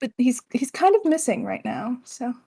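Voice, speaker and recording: A woman speaking in character during a tabletop game. Her voice sits slightly high, and she rambles uncertainly. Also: very animated, moderate pace, dark tone, breathy edge. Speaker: player.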